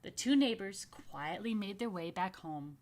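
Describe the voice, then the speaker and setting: In a mid-range voice with a little hiss or hum on the recording, a woman rabbi reads a picture book to young families. She stretches key phrases expressively in slow, emphatic storytelling and breaks off into chatty, murmured asides.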